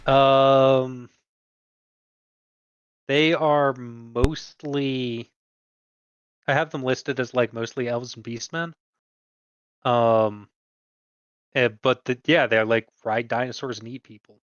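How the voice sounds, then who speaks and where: A man's voice: mid-range voice, steady tone, slow pace, long pauses, clean tone, no echo. Man game-mastering, dry lo-fi mic. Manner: casual, hesitant, with profane asides. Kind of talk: explaining a homebrew tabletop setting.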